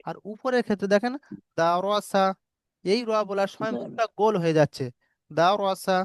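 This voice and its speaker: A man with a high, smooth voice teaches recitation slowly and patiently. He breaks each word into syllables and repeats them. The sound is dry and close. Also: no room sound. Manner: slow, patient, spells out letters syllable by syllable. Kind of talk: online tajweed lesson.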